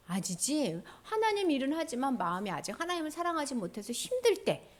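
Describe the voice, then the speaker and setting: A woman giving an animated children's sermon, quizzing the children as she retells the story. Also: high-pitched, fairly quick. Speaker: children's pastor.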